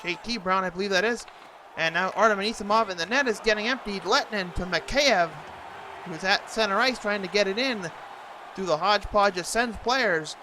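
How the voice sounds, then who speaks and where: A man doing an announcer-style play-by-play commentary of a hockey video game, excitable on big plays. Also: sits high, brisk, background noise.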